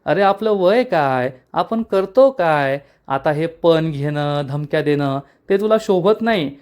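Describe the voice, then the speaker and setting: A scheming middle-aged villain gloats over his captive brother in a taunting, sing-song voice, as a man puts him on. The voice sits higher than an ordinary man's, swooping up as he mocks. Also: lively intonation, slow, darkish tone, smooth.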